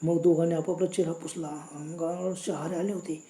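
A woman's voice: deep voice, fairly even intonation, moderate pace, mellow, echoey room. A woman narrating a horror story in a dramatic storytelling manner.

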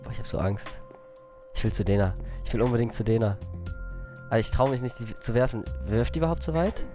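A young man giving nervous, excitable Let's Play commentary, breaking into panicked yelps. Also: medium pitch, quick pace, over music. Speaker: gaming YouTuber.

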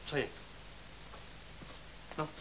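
On an old film soundtrack with a noisy background, an actor plays a kindly but strict male schoolteacher. In a natural voice, he scolds his pupils sternly before softening into gentleness.

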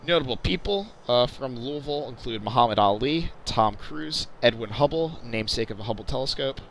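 A man's voice: mid-range voice, expressive, brisk, a little hiss or hum. A man giving casual, chatty commentary over flight-sim gameplay, stumbling and correcting himself with jokey asides. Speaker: channel host.

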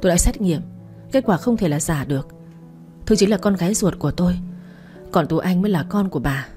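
A woman's voice: on the low side, lively intonation, fairly quick, dark tone, faint music behind, natural voice. A woman voicing a grieving mother who speaks with choked earnestness. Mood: grave. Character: grieving mother, firm and tearful.

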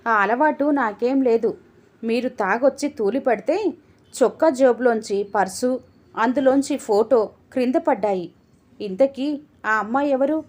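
A hurt young wife from a storybook tale, voiced by a woman narrator. She speaks with bitter indignation in a high voice. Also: measured pace, long pauses, a little mellow. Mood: indignant. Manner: hesitant, then bitter.

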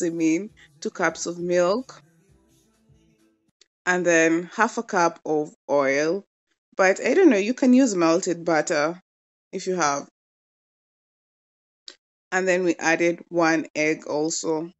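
This cooking vlogger, a woman in her twenties, keeps things light and chatty while she demonstrates home cooking and raves about the food. Her pitch is fairly low, and the recording has its highs cut off.

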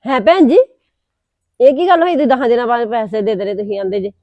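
A woman's voice: a little high, animated, dark tone, dry recording, dull audio, natural voice. A woman with a Punjabi accent playing a pushy village neighbour who keeps complaining about a borrowed cart and money. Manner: rapid complaining. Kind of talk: village drama acting.

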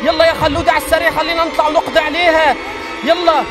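A man playing a father in a family skit, talking in excited, exclamatory bursts and constantly urging haste. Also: extremely high pitch, very fast, over music, a crowd in the background. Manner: breathless, exclamatory, keeps urging speed. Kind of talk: excited acted vlog narration.

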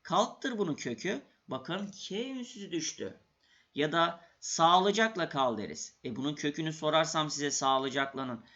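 A man teaching an exam-prep grammar lesson with a bright, forceful voice that sits a little high. He keeps asking questions and answering them himself, stressing the points again and again. The recording sounds slightly dull and lo-fi. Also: lively intonation, measured pace.

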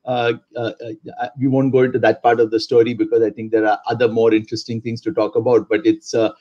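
A man's voice: medium pitch, level tone, fast talker, highs cut off. An older man from India, telling his life story as a guest on a video call, full of fillers and restarts. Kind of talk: casual conversation on a video call. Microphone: video call webcam.

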